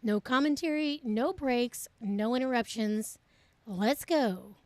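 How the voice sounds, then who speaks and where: A woman's voice: fairly high pitch, takes it slowly, a little mellow, no room sound. Woman host in a dry close recording. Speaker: host of an online trial channel. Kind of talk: scripted introduction to a trial stream.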